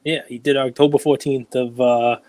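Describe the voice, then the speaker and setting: A man's voice: mid-range voice, moderate pace, no room sound. Chatty New man in his forties. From United States. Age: 40s. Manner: animated storytelling, self-deprecating asides. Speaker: podcast host. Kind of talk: casual chat.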